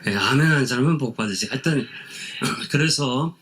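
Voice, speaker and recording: A male pastor preaching at a seminar for pastors, telling animated stories and acting out what people said, often calling out to the audience for a response. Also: medium pitch, brisk, husky. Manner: animated storytelling, acting out quoted dialogue.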